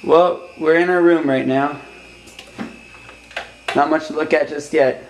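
A young adult man hosts a casual vlog, narrating upbeat and joking like a tour guide into a handheld camera held close to his face as he moves through a van, a parking lot, and a hotel. His voice is fairly high and steady, a little slow, with background noise.

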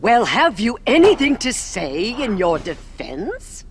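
A woman playing a bossy, hot-tempered middle-aged queen in an animated video game, declaiming imperiously. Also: a little high, slow, heavy background noise. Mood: haughty accusing.

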